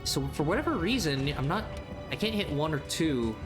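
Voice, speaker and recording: A man's voice: on the high side, sing-song, normal speed. A man hosting a gaming video, thinking aloud in casual, hesitant commentary as he plays. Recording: game music behind the voice.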